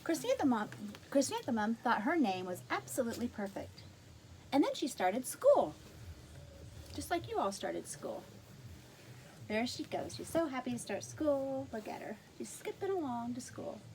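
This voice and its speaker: A woman reading a picture book aloud to young children, gently explaining words and adding asides. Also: fairly high pitch, big pitch swings, normal speed, slight background noise.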